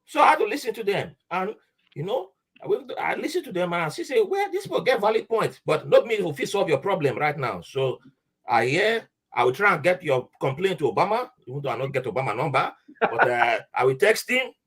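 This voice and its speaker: A high-pitched, slightly rough man talks a little fast. Appearing as a podcast guest, he tells a casual story with a Nigerian accent, animatedly weaving in Nigerian Pidgin and performing the characters' voices.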